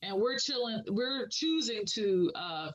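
A woman co-hosting a laid-back podcast about songwriters, her voice sitting a little high. She speaks unhurriedly and affirmingly, often pausing on fillers while she gathers her thoughts. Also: lively intonation, muffled recording. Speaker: podcast co-host.

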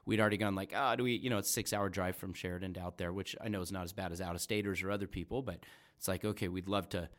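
A middle-aged man, a father, telling of a hunting trip in a relaxed, folksy way. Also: sits low, rapid-fire, few pauses. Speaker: guest, father on the hunt. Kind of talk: casual storytelling.

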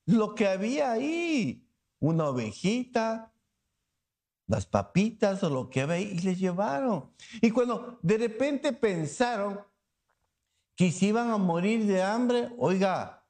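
Male preacher, high voice, lively sermon delivery with rhetorical questions to the congregation. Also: a little slow. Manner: animated, asks the listeners rhetorical questions and acts out scenes.

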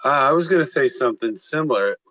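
A man with a tinny, thin sound and no bass, as if in a tin can, giving a measured, point-by-point opinion as a caller in a group chat. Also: animated, a bit bright, no echo. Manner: measured, deliberate, argues point by point. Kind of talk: casual opinion in a live discussion.

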